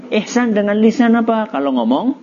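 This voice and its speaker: Lively man quizzing a children's class. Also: high voice, normal speed, a little hiss or hum. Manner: lively, quizzing students, laughing. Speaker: religious teacher. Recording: dull lo-fi recording.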